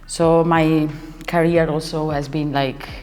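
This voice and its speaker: A young Italian dancer and choreographer chats casually as an interview guest, often pausing to find words, restarting sentences and laughing a lot. Her voice is low-pitched and darkish with a level tone. Hall reverb and faint background music colour the recording.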